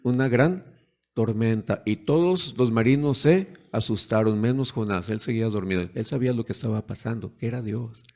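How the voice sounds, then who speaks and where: A man's voice: medium pitch, moderate pace, a little mellow. A man preaching a sermon in a conversational way, putting rhetorical questions to the congregation and acting out the voices of parents and children.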